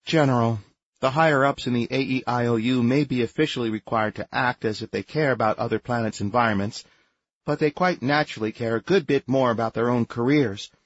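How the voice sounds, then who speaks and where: A man voicing a calm, sensible female adjutant who explains things patiently. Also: medium pitch, fairly quick, lo-fi sound, pitched above the performer's own voice, lightly acted.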